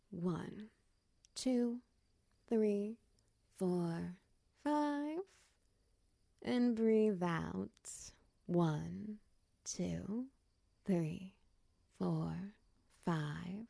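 Slow, gravelly soft-voiced woman soothing. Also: on the low side, dry recording, studio quality. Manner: soft, soothing, slips into whispers; guides slow breathing counts. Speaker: comforting partner in an audio roleplay. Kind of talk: ASMR comfort roleplay.

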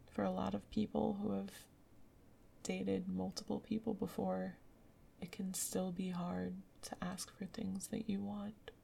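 A woman whispering softly in a gentle, soothing ASMR roleplay as a caring girlfriend. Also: medium pitch, creaky, a little hiss or hum. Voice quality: soft whispery. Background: rain sounds.

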